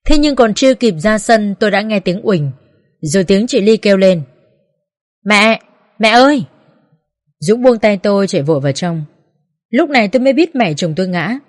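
A woman's voice: mid-range voice, animated, fairly quick, darkish tone, big-room sound. Woman reading a sad family story. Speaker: audiobook narrator. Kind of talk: scripted first-person story narration.

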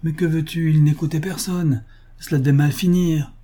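A man reading the part of an older society lady, brisk and matter-of-fact, in a storybook reading. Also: fairly high pitch, fairly even intonation, mellow, pitched above the performer's own voice, natural voice. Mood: dismissive.

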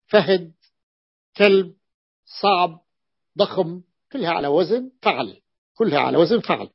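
A man's voice: sits high, creaky, husky. Male teacher, patient repetitive lecture. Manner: repeats points patiently, checks the listeners often. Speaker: teacher of Arabic morphology. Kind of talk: classroom lecture explaining a text. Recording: dull lo-fi recording.

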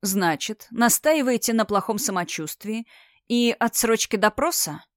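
A woman's voice: fairly high pitch, expressive, unhurried, no room sound, studio quality. A woman voicing a stern, imposing male magic policeman who speaks in a cold, curt tone.

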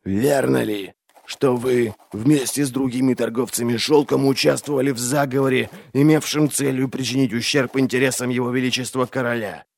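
A man voicing a stern crippled male inquisitor who questions prisoners slowly and coldly. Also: medium pitch, steady tone, vocal fry. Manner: slow, cold, deliberate questioning.

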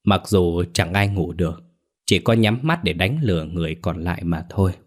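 A man narrating a ghost story in a steady, measured way. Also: deep voice.

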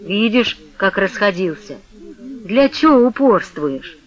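A man voicing an earnest village headman gently urging a younger man, in a radio reading. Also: sits high, sing-song, slow, lo-fi sound, heavily acted. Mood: coaxing. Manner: earnest, coaxing. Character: persuasive village headman, soothing older man.

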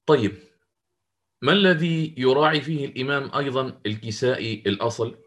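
A man's voice: medium pitch, brisk, a bit bright. Man patiently teaching recitation rules. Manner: explains step by step, quizzing his students. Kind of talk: interactive online lesson.

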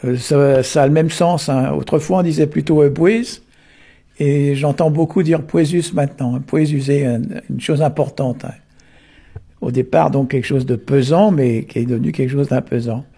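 A man, unhurried and full of tag words, explaining the origins of words. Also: mid-range voice, steady tone, creaky, dark tone, slightly rough. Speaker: Breton language explainer. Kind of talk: explanatory talk on word origins.

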